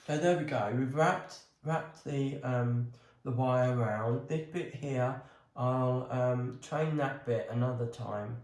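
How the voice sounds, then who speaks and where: A man's voice: medium pitch, slow pace, a little mellow. A man vlogging casually as he works on a bonsai, talking himself through each step with a lot of hesitant ums. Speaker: crafting vlogger. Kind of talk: casual talk while working on a bonsai. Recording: roomy echo.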